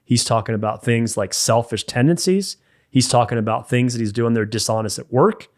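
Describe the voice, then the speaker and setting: Speaking fairly quickly at medium pitch, this man co-hosts a podcast and mentors men. His faith-based coaching talk offers practical advice, delivered emphatically and directly.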